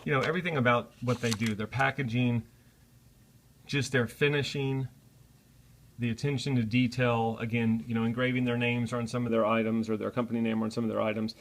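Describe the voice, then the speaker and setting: A man's voice: medium pitch, level tone, a little fast. A man presenting a casual unboxing vlog, talking in a friendly, apologetic way with frequent "uh" fillers. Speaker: product reviewer.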